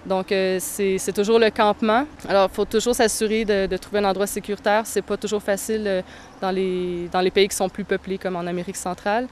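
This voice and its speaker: A young woman, answering interview questions thoughtfully, with frequent pauses. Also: mid-range voice, little pitch movement, darkish tone, a little hiss or hum. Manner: thoughtful, hesitant, many pauses. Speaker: touring cyclist interviewee.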